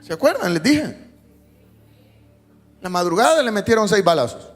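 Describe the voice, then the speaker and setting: Male preacher with a higher-pitched voice telling a story with jokes and hushed tender moments; reverberant sanctuary sound with soft music behind. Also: very animated, normal speed. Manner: storytelling with jokes, dropping to a hushed tone for emotional parts. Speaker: pastor. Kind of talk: sermon. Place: church sanctuary. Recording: long hall reverb, faint music behind.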